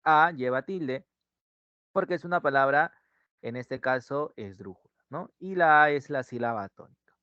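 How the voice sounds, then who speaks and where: A man's voice: mid-range voice, pushed and bright, clean tone, no echo. A man teaching an online language class with a Peruvian Spanish accent, drawing out his words and checking in with the students as he goes. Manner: drawn-out teacher's delivery, checks in with "¿no?" and "ujú". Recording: dull muffled sound, dry close mic.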